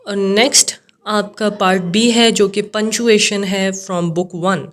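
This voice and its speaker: A woman's voice: mid-range voice, steady tone. A young woman English teacher with a Pakistani accent, walking students through an exam paper and checking in often to be sure they follow. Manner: mixes English terms into Urdu, frequent "theek hai" check-ins.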